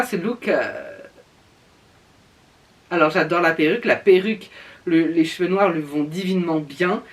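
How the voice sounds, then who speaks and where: A man's voice: sits high, pushed and bright, recorded from a distance. A man giving casual reaction commentary on fashion looks with campy, theatrical drag-queen flair, sprinkling in pet names and English slang. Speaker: reviewer giving opinions on a televised drag competition.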